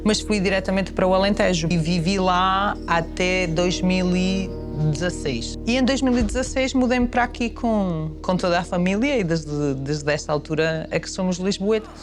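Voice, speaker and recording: A woman giving a calm, matter-of-fact account in a documentary interview. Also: on the low side, moderate pace, music in the background.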